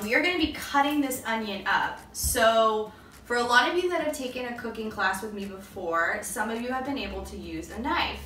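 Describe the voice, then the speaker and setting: This young woman's voice is on the high side and sharp, and the sound is roomy. Standing in her own kitchen, she leads children through a soup recipe step by step, friendly and instructive.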